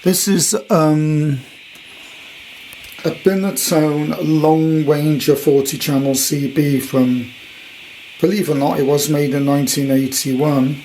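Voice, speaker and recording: Speaking with a fairly high, flat voice and a dark tone, this man takes his time. He's a vintage radio collector giving a loose, hands-on tour of something he bought, full of wordplay jokes, in a room at home on a noticeably noisy recording.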